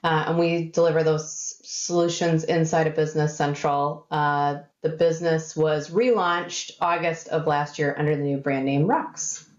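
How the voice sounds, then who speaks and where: Lowish-pitched woman on a roomy video call. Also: steady tone, normal speed, hardly any pauses, muffled recording. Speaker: guest, software company CEO. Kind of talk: casual chat. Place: home room with bookshelves.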